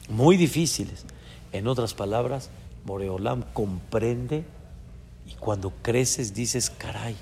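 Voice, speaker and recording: Male rabbi, mid pitch, gravelly voice, animated teaching, long echo, faint background hiss. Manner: lively, swings between loud emphasis and soft asides; chants short verses in the original text. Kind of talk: Torah lesson on a biblical text. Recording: reverberant hall with faint background noise.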